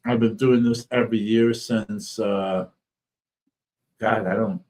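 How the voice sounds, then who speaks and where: A man's voice: fairly low pitch, steady tone, slow pace, darkish tone. A man with thick, slurred speech from a swollen tongue, weakened and fatigued, chatting casually on a livestream as an author and host.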